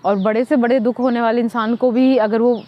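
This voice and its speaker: Woman on a podcast, kinda high voice, lots of uh pauses, muffled lo-fi sound. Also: fairly even intonation. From India. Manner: reflective, many "अ" fillers, mixes English words. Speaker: podcast co-host. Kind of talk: conversational podcast talk. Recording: slightly dull lo-fi audio.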